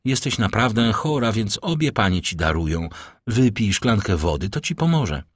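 Man doing a solicitous lady in a storybook, sighs a lot, husky. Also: lowish voice, sing-song, normal speed, no room sound, studio quality. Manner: solicitous, sighing. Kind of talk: audiobook character reading.

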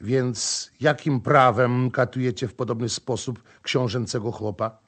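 A man's voice: mid-range voice, fairly even intonation, unhurried, a bit bright. A man voicing a stern young prince who gives curt commands in an audiobook.

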